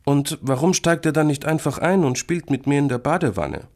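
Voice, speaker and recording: A man voicing a small, stubborn, easily scared boy in a children's story, high and whiny. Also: animated, normal speed, darkish tone. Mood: anxious.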